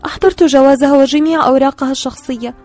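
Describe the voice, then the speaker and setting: A woman's voice: sits high, steady tone, very fast, a little mellow, soft background music, pitched above the performer's own voice, close to an everyday voice. A woman reading the part of a bitter older sister who talks in a clipped, hard way.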